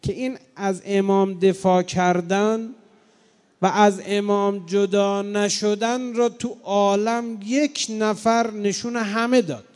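A man preaching a mourning sermon, swinging between loud cries and low, grieving tones. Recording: long hall reverb.

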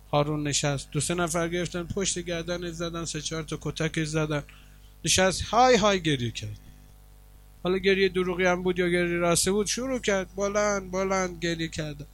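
A male preacher with a slightly high voice delivers a sermon, animatedly telling a story before calmly explaining religious rules while answering questions.

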